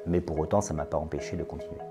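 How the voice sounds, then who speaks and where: A man's voice: extremely low pitch, fairly even intonation, racing, creaky, loud music behind the voice. A man in his late thirties speaking as a guest in a podcast interview, hesitant, with many fillers and repeated words. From France. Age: 30s. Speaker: interview guest, business owner.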